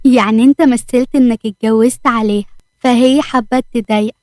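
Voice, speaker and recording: A playful young man with a teasing Egyptian voice, as a woman storyteller puts him on. He talks fast, and his voice is warm and dark. The narration is recorded dry and up close. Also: on the high side, steady tone, dry recording, natural voice.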